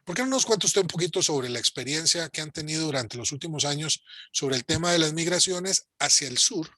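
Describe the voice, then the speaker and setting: Very bright-voiced man moderating. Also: a little high, lively intonation, no echo, studio quality. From Costa Rica. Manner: articulate, courteous, measured phrasing. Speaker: panel moderator. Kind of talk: formal moderated discussion.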